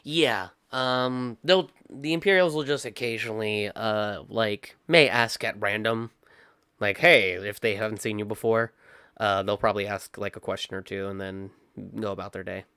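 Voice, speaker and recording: A man's voice: on the low side, moderate pace, pushed and bright, clean tone, dry recording. A young man narrating as game master of a tabletop game, talking casually with many fillers.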